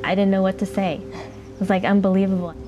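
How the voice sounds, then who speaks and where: Woman interviewee; breathless and excited, music playing behind her. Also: mid-range voice, brisk. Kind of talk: interview recollection.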